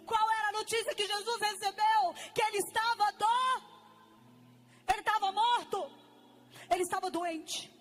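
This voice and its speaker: A woman's voice: extremely high pitch, fairly even intonation, normal speed, faint music behind. A woman preacher with a Brazilian Portuguese accent giving an impassioned sermon and repeating key phrases.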